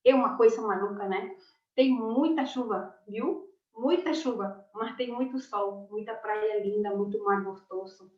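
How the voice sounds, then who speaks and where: A woman, a teacher chatting warmly on a video call, laughing often. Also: medium pitch, unhurried. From Argentina. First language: Spanish. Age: 40s. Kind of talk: casual chat on a video call. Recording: roomy, distant, dull sound.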